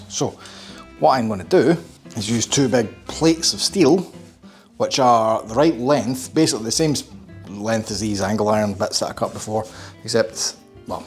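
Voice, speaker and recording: Man, lowish voice, solo garage build vlog, muttering, wry. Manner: muttering, self-deprecating, swears under breath. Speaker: kit car builder. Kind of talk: workshop build vlog, thinking aloud. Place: home garage workshop.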